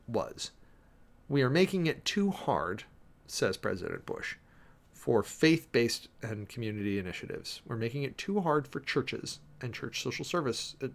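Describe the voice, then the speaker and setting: A medium-pitched man, a streamer and preacher, reads a document aloud and comments on it. His asides are wry and sardonic, and his delivery swings between halting emphasis and rapid reading.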